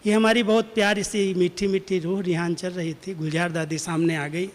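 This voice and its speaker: Spiritual teacher, male, high voice, gentle storytelling with acted quotes, long hall reverb. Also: little pitch movement, moderate pace. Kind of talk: spiritual class talk with anecdote.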